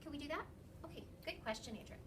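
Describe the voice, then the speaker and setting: This teacher's voice sits high, with lively intonation and a quick pace, as she does an interactive read-aloud for young students. She explains, asks questions, and says "okay" a lot, recorded from across a noisy classroom on a distant mic.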